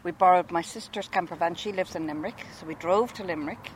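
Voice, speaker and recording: A woman's voice: fairly low pitch, fast talker. A woman from Wicklow with an Irish accent, chatting casually as an interviewed holidaymaker. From Wicklow, Ireland. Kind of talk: casual chat. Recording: faint outdoor background noise.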